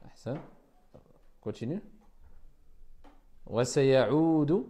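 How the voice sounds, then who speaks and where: Slow, patient male reading teacher. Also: medium pitch, lively intonation, warm tone. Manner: patient, repeats words and corrects pupils. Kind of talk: classroom reading lesson. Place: classroom with pupils.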